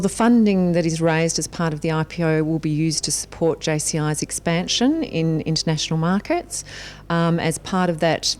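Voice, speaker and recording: A woman with a very low voice answers formal business questions calmly, often starting with an "um". A faint hiss of noise sits under her speech. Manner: composed, starting with "um". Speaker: company spokesperson.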